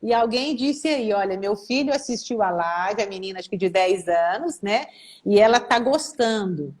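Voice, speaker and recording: A middle-aged Brazilian woman therapist talking casually on a live stream, telling lively stories and acting out the voices of the people she quotes. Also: mid-range voice, normal speed. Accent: Brazilian Portuguese. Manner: animated storytelling, acts out quoted voices.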